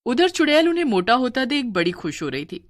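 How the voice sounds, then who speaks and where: A woman narrating a cartoon story in an expressive, storytelling manner. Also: fairly high pitch, a little fast.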